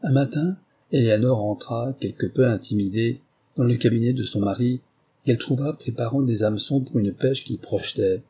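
A man reading a 19th-century novel aloud in a measured, literary way. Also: mid-range voice, mellow, a little hiss or hum. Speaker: audiobook reader.

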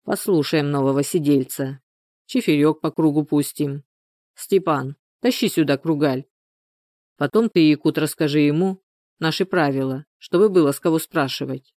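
An older prison cell boss in an audiobook, voiced by the narrator. He hands out orders calmly in slang, with settled authority. The recording is dry and close. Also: medium pitch, moderate pace, dry recording, close to an everyday voice. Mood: commanding. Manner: commanding, slangy.

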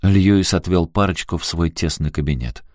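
Deep-voiced male audiobook narrator. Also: dry recording, clean studio sound. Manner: measured storytelling. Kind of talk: scripted narration.

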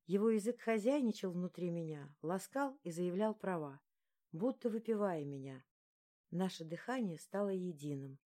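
A woman narrating a first-person romance audiobook in a soft, even storytelling voice. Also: lowish voice.

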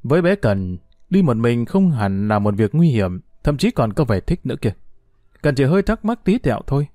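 A man narrating a story in an audiobook, in an expressive, dramatic way. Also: medium pitch, moderate pace, dry recording, clean studio sound.

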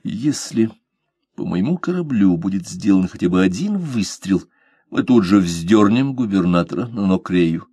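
A man's voice: sits low, moderate pace, breathy edge, no echo, studio quality. A man voicing a composed, courteous pirate captain who speaks with cool irony. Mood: ironic. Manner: calm, courteous, mocking. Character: calm, ironic pirate captain, male adult.

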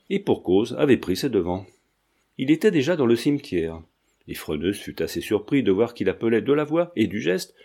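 A man narrating a novel for an audiobook in an expressive, measured reading. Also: medium pitch, breathy edge.

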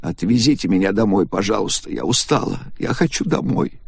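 A man's voice: fairly low pitch, lively intonation, fairly quick, vocal fry, a little mellow, slightly rough, no echo, studio quality, full character voice. A male reader voicing an overwrought, suspicious young woman who screams shrilly in an audiobook. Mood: broken.

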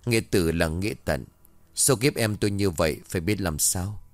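A man voices an old village exorcist, calm and grave. He speaks in a deep, low voice with solemn, measured explanations. The sound is dry and close. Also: no echo, close to an everyday voice.

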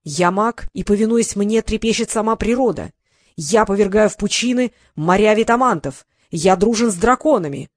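A proud, brash young apprentice wizard, as a woman reading a storybook puts him on, loud and indignant, pushing his claims hard. The voice is dry and close, with no room around it. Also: medium pitch, lively intonation, moderate pace, dry recording, close to an everyday voice.

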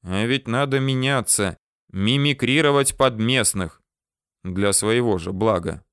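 A man's voice: mid-range voice, unhurried, fairly bright tone, clear, resonant tone, no room sound, studio quality. A man narrating a first-person audiobook in a wry, ironic, matter-of-fact way.

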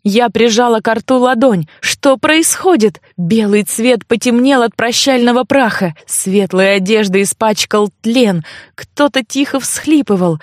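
A woman narrating a fantasy novel in a measured storytelling voice. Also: a little high, dry recording, studio quality. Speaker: audiobook narrator. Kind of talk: scripted fiction narration.

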